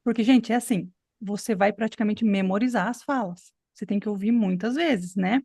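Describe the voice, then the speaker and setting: A woman's voice: mid-range voice, normal speed, warm tone, no room sound, studio quality. A woman English teacher explaining to her students in an online class, encouraging and chatty, often tagging her sentences with little checks. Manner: explanatory, encouraging, many filler tags.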